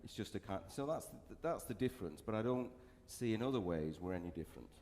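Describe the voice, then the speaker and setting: A man's voice: on the low side, lively intonation, fast, a little mellow, slight background noise. A man on a legal panel describing his firm's model in a candid, opinionated way. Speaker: panelist, law firm founder. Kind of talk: panel discussion. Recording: reverberant hall with faint ambience.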